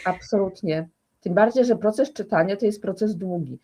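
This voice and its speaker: A woman's voice: medium pitch, moderate pace, dark tone. A woman speaking as a guest expert in a conversational interview, explaining emphatically and restarting often.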